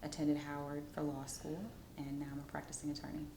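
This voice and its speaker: A woman of thirty with a low voice introduces herself in a brisk, matter-of-fact way. The room sounds echoey, with a faint rumble underneath. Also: completely flat delivery, vocal fry. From South Florida. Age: 30s. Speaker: interviewee. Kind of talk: casual recorded interview.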